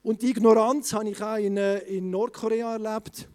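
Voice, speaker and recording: A man preaching a sermon in a colloquial way, often restarting his sentences and rising to loud exclamations. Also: sits high, steady tone, normal speed.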